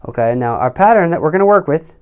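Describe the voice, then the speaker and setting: A man giving an instructional guitar lesson in a careful, unhurried way, explaining step by step. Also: a little high, animated, a little mellow, clean tone. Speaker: guitar teacher. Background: acoustic or electric guitar playing.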